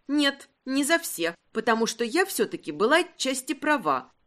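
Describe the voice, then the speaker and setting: A woman voicing a proud, spirited young heiress for a storybook, talking earnestly and quick to argue. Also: sits high, very animated, fairly bright tone.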